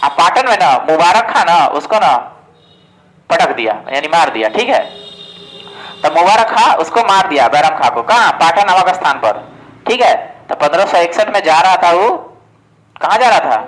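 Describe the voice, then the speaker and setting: A man's voice: on the high side, animated, normal speed, pauses often, fairly bright tone, rough recording. A man giving a casual exam-prep history lesson, asking questions and answering them himself. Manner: asks questions and answers them himself, often says "ठीक है". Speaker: exam coaching teacher.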